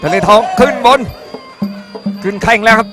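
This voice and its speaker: High-voiced male fight caller over music. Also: expressive, normal speed. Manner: punchy, repeated short phrases. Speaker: ringside Muay Thai commentator. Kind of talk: live fight commentary.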